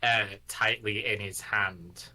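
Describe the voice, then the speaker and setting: A man improvising tabletop game narration as game master, halting and deliberate, often pausing mid-sentence. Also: fairly low pitch, steady tone, pushed and bright, poor audio.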